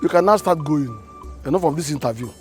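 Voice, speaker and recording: A man's voice: a little high, animated, quick pace, darkish tone, faint music behind, close to an everyday voice. An actor playing a curt man dismissing visitors. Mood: dismissive. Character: dismissive man ending an interview.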